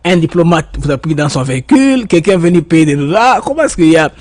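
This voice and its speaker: Male host-interviewer, slightly high pitch, probing and persistent. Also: sing-song, quick pace, a little mellow. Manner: probing, presses for details. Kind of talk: interview questioning.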